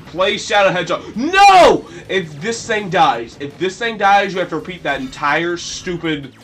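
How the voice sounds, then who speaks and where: A man giving casual, goofy gameplay commentary, rambling and breaking into sudden shrill yelps. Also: very animated, unhurried, fairly bright tone. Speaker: let's play commentator.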